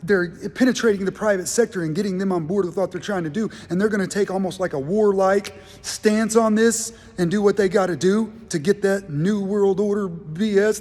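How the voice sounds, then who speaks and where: A man's voice: sits high, in a large hall. A man telling a heated, indignant story in a casual rant. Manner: heated, indignant, animated quoting of others. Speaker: channel host telling a story.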